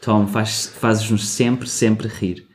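A man with a European Portuguese accent co-hosting in a relaxed, friendly, talkative chat. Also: on the low side, slow pace. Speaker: co-host. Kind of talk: casual chat.

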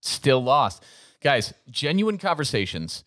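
A man in his forties co-hosts a business podcast from a studio mic on a boom arm in a gym, wearing headphones. His mid-range voice is sing-song, slow and a bit bright, and he sounds earnest and motivational, repeating his points in a dry recording.

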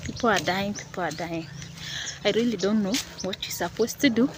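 A young Kenyan woman records a selfie vlog outdoors in green countryside, phone held at arm's length. She talks earnestly and fairly quickly in a mid-range voice, repeating herself as she pleads. Background noise is clearly audible in the outdoor phone recording.

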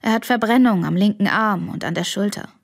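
A woman's voice: mid-range voice, brisk, gravelly. A woman reading the part of a worried, middle-aged neighbor father, retelling in a shaken, hesitant way. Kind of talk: audiobook reading.

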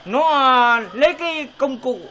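A man's voice: very high-pitched, a little slow, bright, forceful tone. A man acting in a comedy sketch who rambles and stumbles through gossipy explanations.

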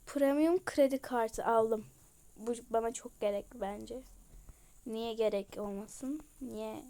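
A woman giving casual, excitable commentary as she plays a game, gushing over cute things. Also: fairly high pitch, slow pace. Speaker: game vlogger.

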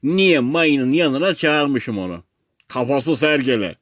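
A man's voice: medium pitch, lively intonation, measured pace, dry recording, studio quality, lightly acted. A man doing a cursing shipwrecked buddy. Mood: indignant. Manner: cursing and complaining. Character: grumbling male shipwrecked companion.

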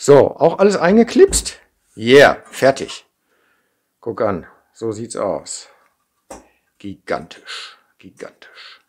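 His voice is medium-pitched and husky, a little mellow, with wildly swooping pitch, a slow pace and frequent pauses. A middle-aged Ruhr-accented model kit maker, he gives an unscripted build demo at his indoor workbench, thinking aloud and adding "ne?" often. A camera mic above the tabletop records, his hands in view.

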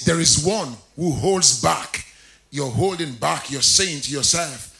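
A man's voice: on the high side, vocal fry, sharp tone. A man preaching a sermon in a church, jovial and laughing often, repeating key phrases with rising emphasis. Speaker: pastor.

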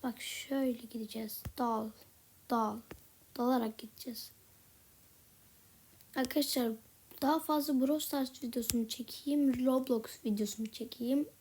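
A woman giving casual gameplay commentary in a soft, half-whispered voice, a little sick with a slightly rough voice. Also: on the high side, steady tone, moderate pace, long pauses, slight background noise. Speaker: gaming channel host.

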